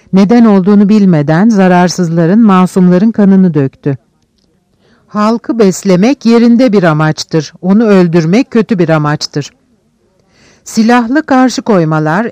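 Male audiobook narrator, high voice, declamatory literary reading, dry booth sound. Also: mellow, no room sound, highs cut off. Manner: measured, declamatory reading in short phrases.

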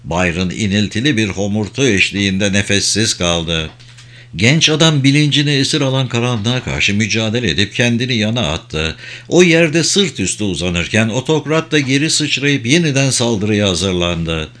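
A man reading a story aloud as an audiobook, in measured, dramatic scripted narration. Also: lowish voice, animated, fairly bright tone.

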